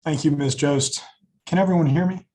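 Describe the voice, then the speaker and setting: A man's voice: a little high, mellow. Man reading a formal statement over a group video call. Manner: measured, reads from prepared remarks. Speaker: company executive presenting at a public hearing.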